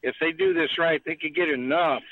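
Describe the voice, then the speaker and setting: Rambling caller on a tinny phone line. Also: male voice, a little high, normal speed, dry recording. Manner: rambling, emphatic, restarts his sentences. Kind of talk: call-in political rant.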